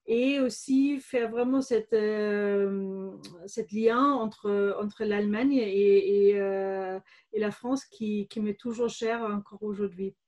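A woman's voice: on the high side, a little mellow. A woman in her forties with a German accent, a guest speaking hesitantly with many fillers in an interview. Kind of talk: interview testimony.

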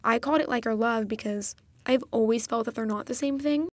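A woman's voice: a little high, brisk, no echo. Earnest young woman podcast host. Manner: earnest, enthusiastic retelling of film scenes. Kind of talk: solo film review podcast.

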